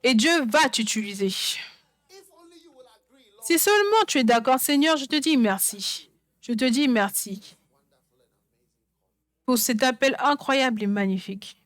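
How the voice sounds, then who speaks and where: A woman preaches a sermon in a fairly high voice. She drives her points home by repeating phrases again and again, and the sound is dry and close. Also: expressive, measured pace, pauses often, no room sound. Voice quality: songwriter speaking of her own songs. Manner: emphatic, repeats phrases for stress.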